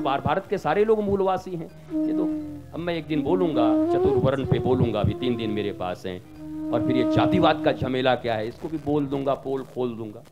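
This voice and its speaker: A man giving a religious discourse as a spiritual teacher, talking in an animated way, mimicking other people and swinging between soft and loud. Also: medium pitch, dull audio.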